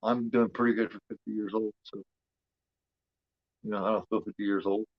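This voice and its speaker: A fifty-year-old man talks loosely as he watches along, with lots of restarts, fillers and casual swearing. His voice sits a little low. The audio is dull and muffled, and the sound is dry and close. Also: fairly even intonation, brisk, no echo. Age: 50s. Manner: rambling, repeats himself, frequent fillers and swearing. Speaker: host.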